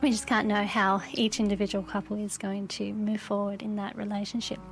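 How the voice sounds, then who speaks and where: A woman hosting a podcast, calmly introducing a clip in a gentle, measured way. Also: mid-range voice, low-quality recording. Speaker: podcast host. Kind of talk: podcast narration.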